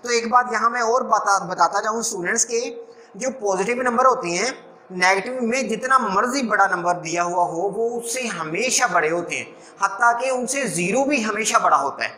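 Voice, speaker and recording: A man's voice: sits high, normal speed, bright, forceful tone. A male math teacher patiently explaining each step to his students, dropping English math terms into his speech. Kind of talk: recorded classroom lesson. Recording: echoey room.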